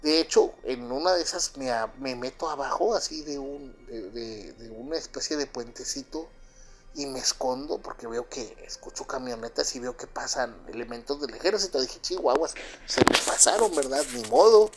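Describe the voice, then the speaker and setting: A Mexican-accented man with a mid-range voice speaks at normal speed against soft background music. He rambles through a first-person true story, using lots of fillers like "pues" and frequent "¿verdad?" tag questions.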